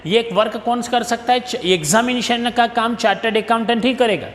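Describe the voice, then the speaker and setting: High-voiced male teacher dictating slowly. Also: a bit bright, in a large hall. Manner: mixes Hindi with English terms, slows to dictate definitions. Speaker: commerce teacher. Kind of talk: recorded video lecture.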